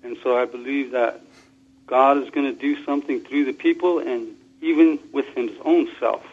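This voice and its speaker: A man's voice: mid-range voice, fairly even intonation, normal speed, husky. A man calling in to a talk show over a phone speaker, speaking earnestly and restarting small phrases as he argues his points. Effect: phone speaker line. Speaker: call-in caller. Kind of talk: call-in talk show chat. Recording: muffled lo-fi phone call.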